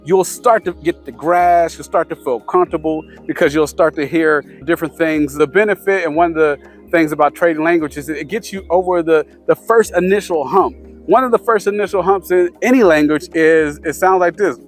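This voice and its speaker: A man's voice: on the high side, moderate pace, soft background music. A man casually giving tips to camera, rambling with many fillers and restarts. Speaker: vlogger sharing language-learning tips.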